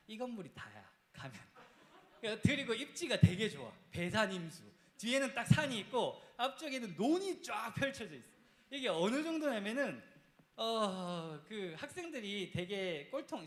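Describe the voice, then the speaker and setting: A man from Busan, a church youth teacher telling his own story to a youth group in a casual, animated way. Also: high voice. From Busan, South Korea. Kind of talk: testimony talk to church youth. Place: church basement hall. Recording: echoey hall.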